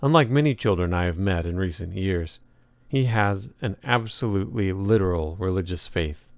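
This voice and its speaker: A man reading a nonfiction book aloud as narrator, in a measured, reflective way. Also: deep voice, lively intonation, no echo.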